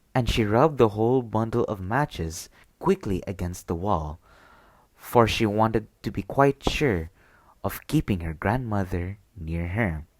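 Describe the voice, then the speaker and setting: A man reading a bedtime story as ASMR, with a gentle, deliberate storybook delivery. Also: lowish voice, dry recording.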